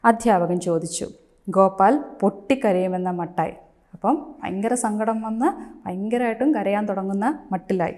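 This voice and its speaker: A woman teaching a young class online, reading a story aloud and then stopping to retell each line and quiz her pupils. Her voice is mellow and warm, and she keeps her delivery relaxed and patient. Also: medium pitch, moderate pace. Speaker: schoolteacher.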